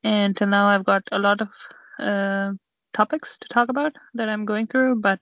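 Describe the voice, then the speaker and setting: On her sister's podcast, a young guest rambles through some casual sibling chat, sounding a little self-conscious. She has a steady, mid-range, somewhat bright voice at normal speed, recorded dry and dull in lo-fi with no room sound.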